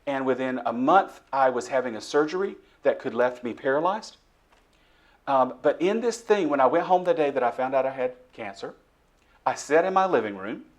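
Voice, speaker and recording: A middle-aged man preaching a personal testimony sermon in a church, swinging between soft hushed lines and loud emphatic ones. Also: mid-range voice.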